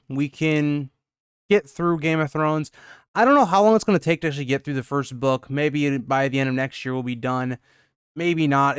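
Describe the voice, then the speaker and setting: A young male channel host talks casually about his plans, still out of breath from working out. His voice is exceptionally clean and smooth, recorded dry and close with no room sound. He rambles along, padding his sentences with "um" and "kind of". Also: on the high side, no echo. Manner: loose and rambling, full of "um" and "kind of" hedges. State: out of breath after a workout. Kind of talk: casual channel update talk.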